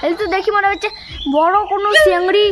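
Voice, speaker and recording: A woman's voice: extremely high pitch, steady tone, quick pace, heavy background noise. A woman playing a suspicious young village daughter in a Rajbanshi comedy sketch, teasing with a Rajbanshi accent. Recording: loud background music.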